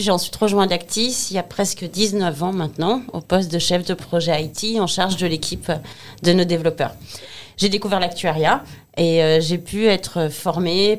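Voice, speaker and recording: A woman in her forties, a guest in a podcast interview, speaking fluently but with frequent filler hesitations. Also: fairly low pitch. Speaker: guest, head of business development. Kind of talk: interview answers.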